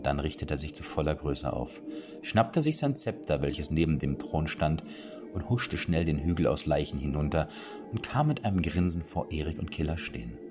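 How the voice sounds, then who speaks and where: A man narrating a fantasy audiobook with expressive storytelling and small self-corrections. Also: very deep voice, normal speed. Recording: clear background music.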